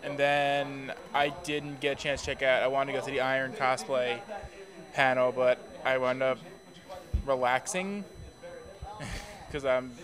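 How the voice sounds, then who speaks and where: A man's voice: medium pitch, steady tone, a little slow, long pauses. A laid-back man chatting offhandedly about a convention he attended. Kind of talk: casual convention recap chat. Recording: crowd chatter behind.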